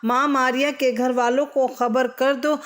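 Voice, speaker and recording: A hurt young husband, as a woman narrator voices him in a spoken storybook. He is patient and pleads calmly with his wife. The voice stays high and level, with little rise and fall. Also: close to an everyday voice.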